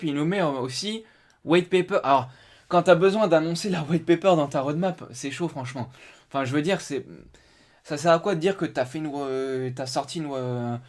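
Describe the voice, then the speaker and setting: A man hosting a casual live stream, thinking aloud as he goes through a web page, with many fillers and restarts. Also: on the high side. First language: French.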